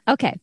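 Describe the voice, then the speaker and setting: A woman's voice: darkish tone, dry recording. A woman co-hosting a casual podcast, chatting with a giggly, rambling manner and many fillers. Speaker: podcast co-host.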